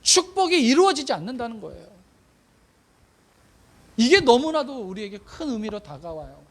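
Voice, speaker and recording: A man's voice: very high-pitched, big pitch swings, moderate pace, a bit bright. A male pastor preaching a sermon, addressing the congregation with questions and repeating phrases for emphasis.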